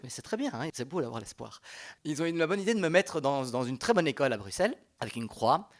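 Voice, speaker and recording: A young man with a Belgian French accent giving a public talk as a panel speaker, animated and conversational, often restarting his sentences. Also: a little high, fast.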